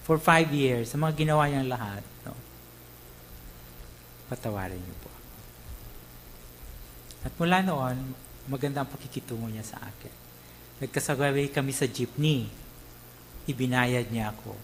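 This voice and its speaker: A man from the Philippines, a pastor, preaching in an animated way, mixing in English and asking his listeners questions as he goes. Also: mid-range voice, moderate pace, slight background noise, low-quality recording. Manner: animated, mixes English, tag questions, acts out quotes. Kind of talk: Tagalog sermon.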